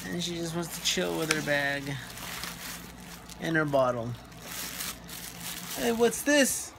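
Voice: mid-range voice, a little slow, vocal fry, background noise. A parent vlogging at home while minding their baby, using playful sing-song baby talk and whispered asides. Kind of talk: casual home vlog. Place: home living room.

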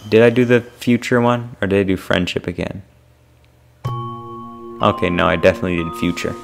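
A man giving casual game commentary, rambling and filling pauses with "um" while he talks to his viewers. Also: sits low, gravelly. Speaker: gameplay vlogger. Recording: loud game music behind.

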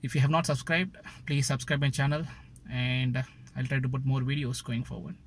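A man's voice: medium pitch, level tone, a little fast, slight background noise. A young man with an Indian English accent, chatting casually to his vlog camera from inside a car, with frequent fillers. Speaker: travel vlogger. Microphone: phone camera at arm's length.

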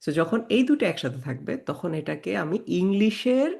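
A man teaching German pronunciation to beginners, slowly spelling out letters and repeating words aloud, with English words mixed into his speech. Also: high voice, big pitch swings, creaky, a little mellow.

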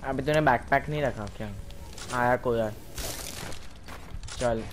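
A young man with an Indian accent giving quick, excited callouts to a teammate during a shooter game, often laughing, on a headset mic. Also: medium pitch. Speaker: gaming streamer. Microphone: gaming headset. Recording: noisy game audio behind.

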